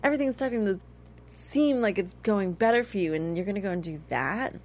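A woman in her thirties hosting a casual TV recap chat, talking in a chatty, animated way with a touch of cynicism. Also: mid-range voice, fairly quick. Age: 30s. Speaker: host.

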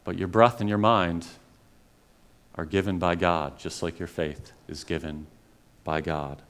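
A man preaching a sermon as pastor, earnest and pleading, building to emphatic peaks and then dropping quiet. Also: low-pitched, fairly even intonation, a little slow.

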